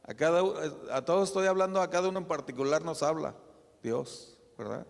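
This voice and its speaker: A man preaching a sermon as pastor, in a conversational style with frequent tag questions and soft asides. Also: on the high side, a little fast, creaky. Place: church sanctuary. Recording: reverberant church hall.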